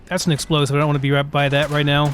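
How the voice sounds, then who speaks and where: A man's voice: a little high, completely flat delivery, very fast, fairly bright tone, soft background music. Man rambling over a game. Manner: rambling, thinks aloud with restarts. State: hiccuping. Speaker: gameplay commentator. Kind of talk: casual gameplay commentary.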